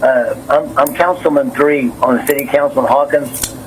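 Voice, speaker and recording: Speaking at a moderate pace in a steady, mid-range voice, a city councilman and business owner is on the telephone, clearly nervous and agitated. He rambles, repeats himself, and trips over words, and the recorded line is noisy.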